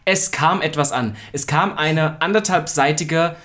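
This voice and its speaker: A man's voice: on the high side, unhurried, bright, forceful tone. A man co-hosting a comedy podcast, chatting and announcing segments in a dry, playful way. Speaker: podcast co-host.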